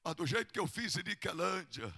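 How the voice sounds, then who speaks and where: An older man, a pastor with a Brazilian Portuguese accent, preaching a fervent sermon in a thick, gravelly voice that swells into shouting. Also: high-pitched, animated, fairly quick.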